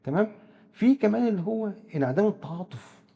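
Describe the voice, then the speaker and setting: An Egyptian man explains psychology at a rapid clip, stumbling into quick restarts as he goes. His voice sits a bit high but sounds dark and husky. The room adds a long trailing reverb. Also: animated, highs cut off. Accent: Egyptian Arabic. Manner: rapid, explains with first-person examples, frequent stammered restarts. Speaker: psychiatrist guest expert. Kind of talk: explanatory discussion.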